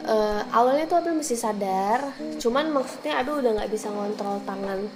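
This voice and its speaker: A young woman from Indonesia chatting casually in a vlog, referring to herself by her own name and using quick fillers. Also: on the high side, animated, rough recording. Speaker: vlogger. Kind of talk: casual chat.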